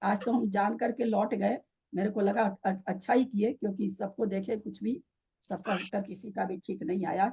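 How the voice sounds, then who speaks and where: A woman's voice: mid-range voice, steady tone, moderate pace, creaky, mellow, slightly rough, muffled recording. A woman teaching a scripture class online, questioning her students and patiently explaining by repeating the key terms.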